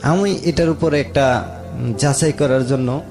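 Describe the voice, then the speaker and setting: A man in his late thirties, from rural Moulvibazar, Bangladesh, speaks unhurriedly in a fairly high voice with a Sylheti-region accent. As a radio studio guest, he tells his personal story in conversation, plainly and respectfully, as music plays underneath.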